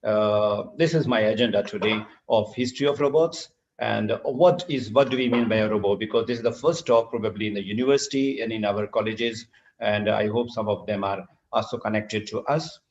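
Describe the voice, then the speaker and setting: A middle-aged man with a low voice delivers a formal surgical lecture, pausing often on filler sounds. His voice comes through a screen recording of an online session. The sound is dull and lo-fi, like call audio. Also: darkish tone, a little hiss or hum. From Assam, India. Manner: formal and hesitant, with frequent filler sounds and restarts. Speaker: surgeon giving a university lecture.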